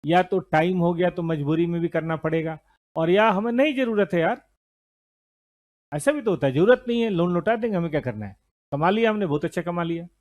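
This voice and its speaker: A middle-aged man teaching an accounting lesson to a classroom of students, lively and scolding now and then. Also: high-pitched, fairly quick. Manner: lively, scolding students, mixes Hindi and English terms. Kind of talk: classroom lecture.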